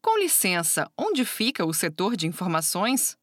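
A woman narrating a language course, reading short phrases in a clear, measured way. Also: on the low side, huge pitch swings, fairly bright tone, no room sound, clean studio sound. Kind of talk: scripted instructional reading.

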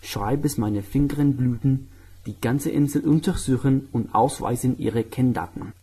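A young man from Guatemala speaks with a Spanish accent and a mellow, slightly husky voice. He picks his words with care and slips on the grammar now and then. It sounds like a calm personal portrait. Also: mid-range voice, unhurried, soft background music. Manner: careful learner German with grammar slips. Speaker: medical student, German learner.

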